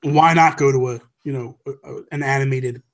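A middle-aged man co-hosts a podcast from a small home room, chatting casually and offering opinions, stressing his points emphatically and repeating them. He speaks a little fast at medium pitch with a steady tone, recorded on a desk microphone while wearing headset headphones.

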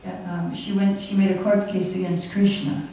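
An older woman gives a chatty, anecdotal scripture class into a podium mic on a stand in an indoor hall, often laughing as she teaches. Her medium-pitched voice is dark-toned and flat at normal speed, recorded from a distance in an echoey hall with a little hiss or hum.

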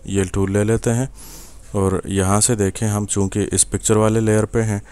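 Deep-voiced Pakistani man teaching software. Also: little pitch movement, smooth. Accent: Pakistani Urdu. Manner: patient, step-by-step, many fillers and "ٹھیک ہے" checks. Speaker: software instructor. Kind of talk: screen-recorded tutorial.

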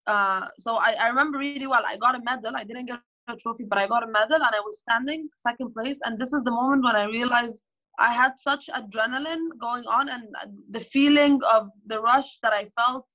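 Speaking from a bright room at home via phone or laptop camera, this Egyptian professional squash player in her 20s answers interview questions casually as a guest. Her bright voice sits fairly high and moves fairly quickly, though the recording is muffled. She's chatty, full of fillers and frequent restarts.

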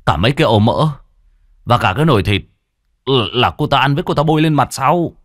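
A man's voice: mid-range voice, animated, fast talker, fairly bright tone, no room sound, clean studio sound, voice pushed up, natural voice. A man voicing a stern middle-aged farmer father who questions sharply.

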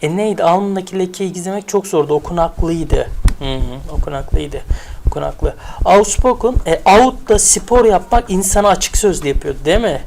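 Chatty woman teacher with a gravelly low voice. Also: normal speed, a little mellow, slight background noise. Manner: chatty, repeats words, builds memory tricks. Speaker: English vocabulary teacher. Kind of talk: casual spoken lesson.

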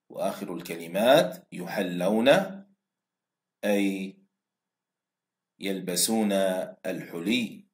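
A man with a fairly low voice teaches a recorded Quran recitation lesson. He stretches the example words out slowly for students to repeat and praises their answers along the way. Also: echoey room.

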